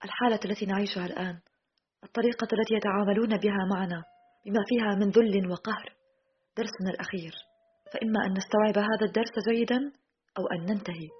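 A woman reading the lines of a weary, sad exiled man in an audiobook, in a quiet, heavy, measured way. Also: mid-range voice, fairly even intonation, natural voice. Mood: despairing. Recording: slightly muffled, soft guitar music behind.

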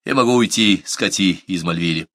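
A man's voice: sits low, brisk, fairly bright tone, no room sound, clean studio sound. A man voicing a proud, stubborn young man. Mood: firm.

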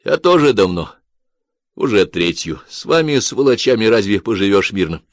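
A calm, mocking older soldier, put on by a male reader. The delivery is steady and dryly ironic, pitched higher than the reader's own deep voice. The recording is close and dry. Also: normal speed, no echo. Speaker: corporal in a war story. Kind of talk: audiobook character voice.

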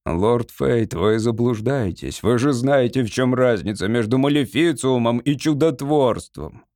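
Guy doing a flat unbothered wizard, dry close sound. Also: mid-range voice, a little slow, dry recording, lightly acted. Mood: dismissive. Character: calm stubborn male court wizard.

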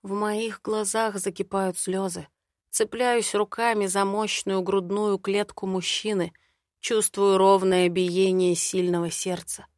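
A woman narrating an audiobook in the first person in a soft, measured way. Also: medium pitch, flat delivery, no room sound, clean studio sound.

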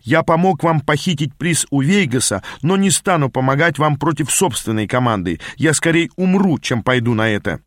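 A man's voice: a little high, animated, normal speed, few pauses, no echo, studio quality, pitched above the performer's own voice, lightly acted. A man reading an audiobook, voicing a stubborn young male athlete who speaks firmly and grumbles. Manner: firm, grumbling.

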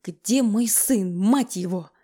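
A woman's voice: medium pitch, slow pace, warm tone. A woman voicing an irritable middle-aged man who talks in curt, barking orders. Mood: gruff. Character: gruff, irritable middle-aged man, future father-in-law.

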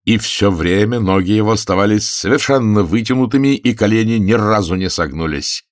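A man narrating an audiobook in an expressive reading voice. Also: on the low side, brisk, no room sound, studio quality.

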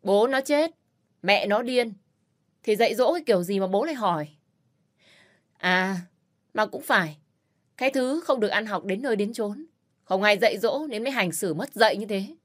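A spiteful, quarrelsome sister-in-law who sneers and shrieks her insults, as a woman narrator puts her on. Her voice runs high and sharp, in an audio story. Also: lively intonation, moderate pace, long pauses, close to an everyday voice.

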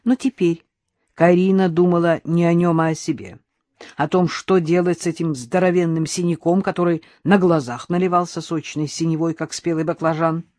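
Female audiobook narrator, lowish voice, dry close studio sound. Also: steady tone, normal speed, mellow, no room sound. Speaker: audiobook reader. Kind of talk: scripted narration.

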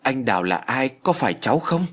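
A man's voice: medium pitch, big pitch swings, brisk, fairly bright tone. A man voicing a weeping older mother in an audio story, pleading and wailing. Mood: distraught.

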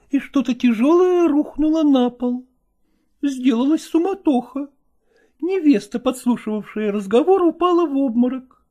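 A woman reading a storybook aloud in an expressive, animated way. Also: high voice. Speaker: narrator.

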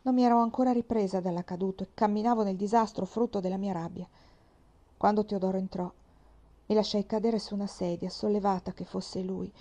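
A woman reads a historical novel aloud in a warm, mellow voice. Her first-person telling is expressive and dramatic, climbing now and then into loud, forceful passages. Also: mid-range voice, a little fast. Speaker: reader.

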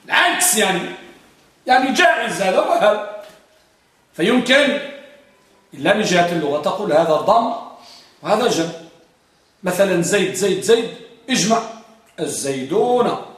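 A man with a high voice teaches a grammar lesson, pressing his students with repeated questions and stretching out example words. He is recorded from a distance in a strongly echoing classroom. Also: animated, moderate pace, pauses often, fairly bright tone. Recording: very echoey room, mic far off.

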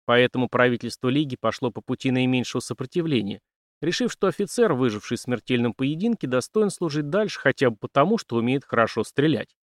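A man reading a science-fiction audiobook as narrator with steady storytelling. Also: medium pitch, quick pace, dry recording, clean studio sound. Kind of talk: scripted narration.

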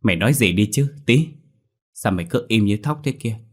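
A man's voice: fairly low pitch, lively intonation, fairly quick. A man voicing a young male exorcist in his thirties, anxious and blunt, in a storybook reading. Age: 30s.

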